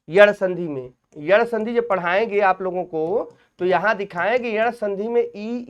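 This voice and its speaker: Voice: mid-range voice, clean tone. A Hindi grammar teacher giving an exam-prep lecture, asking questions aloud, answering them, and repeating each point. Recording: dull lo-fi recording.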